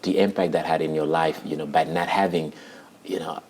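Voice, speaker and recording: Man, thirties, TV talk show host, low voice, upbeat, laughing, lapel mic, studio. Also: steady tone, brisk, a little mellow, breathy edge. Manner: upbeat, laughs often, repeats words. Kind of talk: studio interview. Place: TV studio set.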